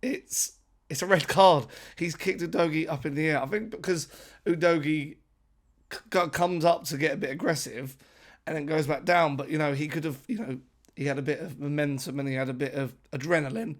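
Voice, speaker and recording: A man with a somewhat high, croaky voice gives a casual football reaction to camera. He talks excitedly, doubling up his words for emphasis. The voice sounds hoarse and tired from travel. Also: fairly quick. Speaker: football fan channel host. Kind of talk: casual match reaction vlog.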